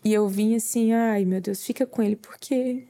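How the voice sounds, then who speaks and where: A woman shares a heartfelt faith testimony. Her voice sits a little high and sounds mellow and warm. She speaks earnestly, replaying her own words as she tells the story. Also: steady tone, moderate pace. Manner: earnest, tearful at times, acts out her own quoted words. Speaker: podcast guest.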